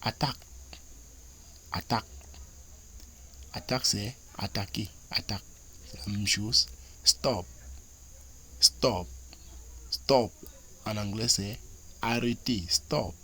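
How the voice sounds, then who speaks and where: A man with a Cameroonian French accent teaching English, repeating each word several times in a slow drilling cadence. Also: lowish voice, bright, forceful tone, husky. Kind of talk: French-language vocabulary and grammar lesson.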